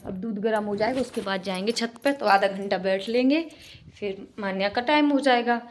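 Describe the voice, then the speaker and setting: A young woman venting emotionally in a casual home vlog, often speaking quietly while cooking in her kitchen. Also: medium pitch, normal speed, a little hiss or hum. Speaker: vlogger, single mother.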